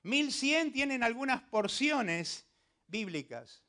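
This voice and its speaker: A man's voice: very high-pitched, big pitch swings, takes it slowly, sharp tone. A man preaching a sermon as pastor, exhorting the congregation and putting questions straight to them. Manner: preaches with rising emphatic exhortation; addresses listeners directly with questions.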